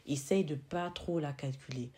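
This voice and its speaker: A woman's voice: low-pitched, moderate pace. A woman in her twenties telling a personal story to camera in a casual storytime, acting out the exchanges she recounts and often restarting or repeating phrases. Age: 20s. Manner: animated, acts out quoted exchanges. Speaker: vlogger.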